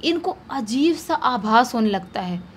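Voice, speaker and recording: A woman retelling a spooky story in a conversational, animated way, as narrator of a horror story channel. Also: a little high, measured pace, a little hiss or hum. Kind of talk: casual spoken horror storytelling.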